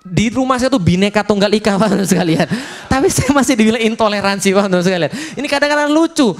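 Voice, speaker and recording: A high-pitched, fast-talking Islamic preacher with an Indonesian accent gives a lively, humorous sermon at a study gathering. He acts out quotes dramatically.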